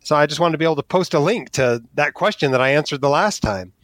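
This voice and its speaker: A physician and blogger from Alaska candidly tells his story as a guest on a podcast, poking fun at himself and chuckling now and then in casual interview storytelling. His slightly high, fairly bright voice is animated and fast, with no echo.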